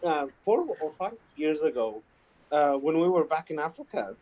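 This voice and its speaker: Halting man. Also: a little high, big pitch swings, darkish tone, slight background noise, low-quality recording. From Kuwait. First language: Arabic. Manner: halting, explanatory. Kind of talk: casual chat.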